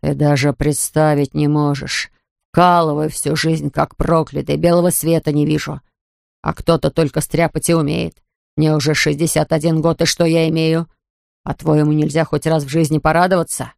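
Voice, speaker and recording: A woman voicing a stubborn sixty-one-year-old father in an audiobook, grumbling slowly. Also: low voice, level tone, creaky, a little mellow, no room sound, studio quality. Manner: slow, grumbling.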